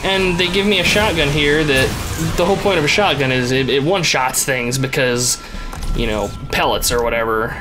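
A man's voice: medium pitch, moderate pace. A man giving casual, rambling gameplay commentary in a wry way. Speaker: gamer commentator. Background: game music.

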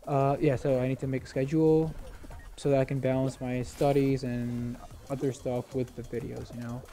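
A man's voice: mid-range voice, flat delivery, normal speed, mellow, soft background music. A young man talking casually over gameplay, nervous, with a stutter and lots of restarts. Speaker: vlogger. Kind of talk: casual gaming commentary.

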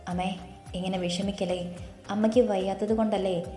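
A woman voicing a gentle, caring young daughter-in-law who talks softly. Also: medium pitch, level tone, a little fast, roomy sound, faint music behind, natural voice.

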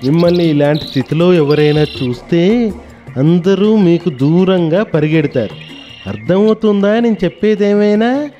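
A man's voice: sits high, expressive, normal speed, mellow, dull audio, soft background music, voice pushed up. A man voicing a pushy male thief who calls out urgent, insistent warnings.

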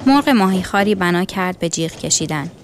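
A woman's voice: on the low side, lively intonation, slight background noise. Woman reading a story aloud. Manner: measured, literary reading. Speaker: narrator.

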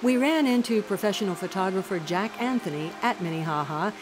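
Calm woman narrating a nature documentary. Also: medium pitch, noisy background. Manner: calm, measured storytelling.

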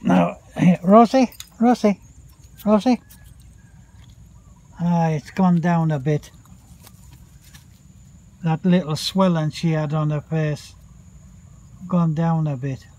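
High-voiced man chatting slowly to camera. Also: level tone, mellow. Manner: chatty, swears mildly, calls out to dogs. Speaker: vlogger. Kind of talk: casual vlog chat. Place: outdoors by a pool.

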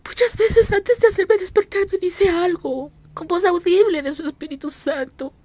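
Woman preacher, high voice, dry close self-recorded audio, pleading and insistent. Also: moderate pace, darkish tone, dry recording. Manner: fervent, pleading, repeats appeals. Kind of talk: recorded prophetic exhortation. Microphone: self-recorded audio message.

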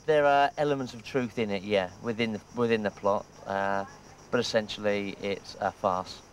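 A man's voice: on the low side, normal speed, a little hiss or hum. A man being interviewed, talking casually and hesitantly with fillers. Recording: music clearly behind the voice.

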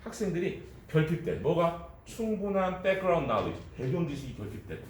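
A man who teaches high school English gives a lively classroom lecture, joking and talking straight to the students. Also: fairly quick, a little hiss or hum. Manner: lively, jokey, addresses students directly. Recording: echoey classroom from far off.

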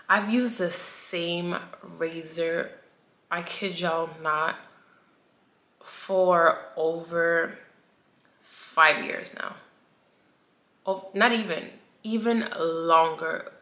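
A woman's voice: lowish voice, vocal fry, sharp tone. A woman doing a casual haul video, chatty and playful, talking to her viewers as y'all. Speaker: beauty vlogger. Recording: echoey room.

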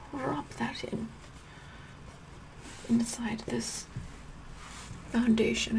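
A woman playing a vain, bossy Tudor queen in a slow, breathy whispered ASMR makeup role-play. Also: fairly high pitch, rough recording. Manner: slow, haughty, deliberate, repeating phrases.

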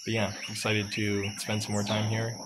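Holding his phone at arm's length, a young man vlogs casually outdoors on a farm, among trees and beneath a tin-roofed shed. His lowish voice is completely flat, and he talks haltingly with lots of filler words. Loud insects and crickets fill the outdoor recording.

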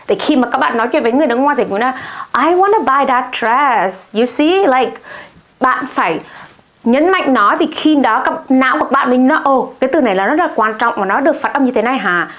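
A woman teaching English vocabulary, saying each word several times slowly and stressing it. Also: sits high, fairly bright tone. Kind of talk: vocabulary lesson.

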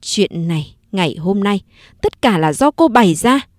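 A woman's voice: mid-range voice, lively intonation, normal speed, dry recording, studio quality, lightly acted. A woman narrator voicing a proud, wronged young wife who speaks firmly and bitterly. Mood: defiant. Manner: bitter, firm and pleading.

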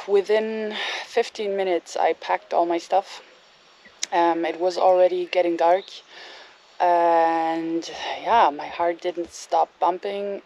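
Casual hesitant woman talking slowly to camera outdoors, fills gaps with um and yeah. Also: fairly low pitch, mellow, a little hiss or hum. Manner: hesitant, many fillers and restarts. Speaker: bicycle traveler vlogger. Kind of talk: casual vlog storytelling. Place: outdoors at a campsite.

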